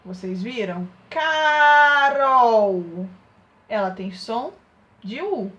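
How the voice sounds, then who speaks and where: A woman's voice: on the high side, animated, unhurried, dull audio. A woman teaching young children a remote lesson, sing-song and coaxing, with many check-in questions to her pupils. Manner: sing-song, coaxing questions, exaggerated loud demonstration of sounds. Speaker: primary school teacher.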